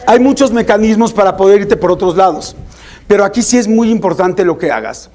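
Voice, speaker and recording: A man with a Mexican accent, a parent himself, giving an informal, animated talk to parents about teenagers. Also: fairly quick. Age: adult parent. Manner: animated, acts out parents and teens in higher voices. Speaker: parenting speaker.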